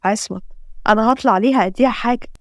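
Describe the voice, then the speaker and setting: A woman's voice: on the high side, racing, no room sound, studio quality, lightly acted. A woman with an Egyptian accent reading the lines of a proud, suspicious old wealthy grandfather. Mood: dismissive. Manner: dismissive.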